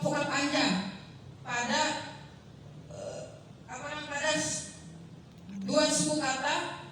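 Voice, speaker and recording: A young woman giving a seminar presentation, halting and apologetic, with many fillers and self-corrections. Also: sits high, a bit bright, a little hiss or hum. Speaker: student presenter. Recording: very echoey room, voice from far off.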